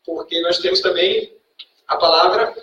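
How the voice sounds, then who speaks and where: A Brazilian Portuguese-speaking man teaching a class, patiently quizzing students and checking in with a quick "tá?" after each point. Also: sits high, pushed and bright, far from the mic, dull audio, slight background noise. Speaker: Greek language teacher. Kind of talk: classroom lecture. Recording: echoey classroom recorded from afar.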